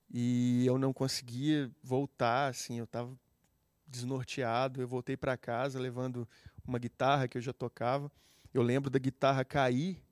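A man with a Brazilian Portuguese accent preaches a sermon, sharing a personal testimony earnestly and from the heart. His mid-range voice is a little mellow, captured in clean studio sound with no room noise.

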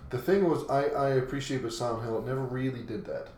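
A man co-hosting a casual podcast, talking in long rambling runs full of restarts. His voice sits at an ordinary pitch. The room is echoey with a faint hiss behind him. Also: quick pace, a little mellow. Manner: rambling, many restarts and fillers. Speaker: podcast co-host. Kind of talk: casual chat.

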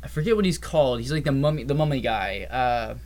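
An expressive, fast-talking man with a mid-range, darkish voice co-hosts a casual gaming podcast. He walks through game patch changes in a rambling way, often leaving sentences trailing off.

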